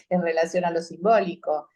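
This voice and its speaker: A woman with an Argentine Spanish accent, a hospital clinician, comments during a conference discussion. Her voice is lowish, warm and unhurried, and she hesitates a lot with many fillers.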